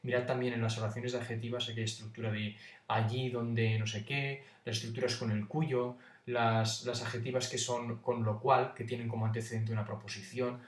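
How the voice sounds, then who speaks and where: A man's voice: mid-range voice, flat delivery, normal speed, far from the mic. Casual man teaching in an echoey room. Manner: informal, checks in with "¿vale?" constantly. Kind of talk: casual exam-prep lesson.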